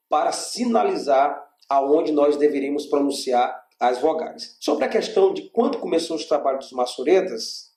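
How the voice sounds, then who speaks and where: A man's voice: on the high side, darkish tone. Brazilian man teaching in an echoey room. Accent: Brazilian Portuguese. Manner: explanatory, checks in with frequent "tá?" and "gente". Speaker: Bible language teacher. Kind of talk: online lecture with slides.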